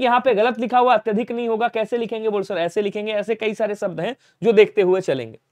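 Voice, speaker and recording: A man's voice: very high-pitched, dry recording, studio quality. A man teaching a Hindi spelling lesson for exam preparation, asking questions and answering them himself, with constant reminders to remember the words. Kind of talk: online exam-prep lesson.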